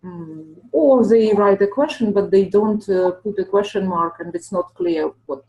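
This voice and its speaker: A woman hosts a panel of language teachers. Her voice is mellow and relaxed, and she speaks in a measured way, pausing often to think aloud. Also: medium pitch, low-quality recording. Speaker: webinar host.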